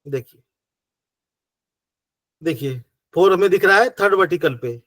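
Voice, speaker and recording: A man with a fairly high voice and a Hindi accent teaches a class, walking through each step patiently and asking himself questions before answering them. The sound is dry and close, with little room echo. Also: expressive, unhurried, fairly bright tone. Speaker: acupressure teacher. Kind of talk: online class explanation.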